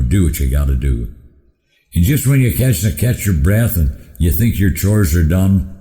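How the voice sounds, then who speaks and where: A man's voice: sits low, dark tone. A man voicing a proud, forgetful old rancher in a cowboy poem, with a folksy drawl. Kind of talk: rhymed cowboy poem dialogue. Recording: roomy echoing hall.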